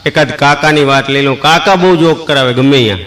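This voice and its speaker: A man's voice: mid-range voice, fairly quick, a bit bright. A man with a Kathiyawadi Gujarati accent telling folksy comic stories, acting out characters and laughing at his own punchlines. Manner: acts out characters' lines and sings snatches of procession songs. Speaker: stand-up comedian telling jokes. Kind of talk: folksy joke-telling monologue.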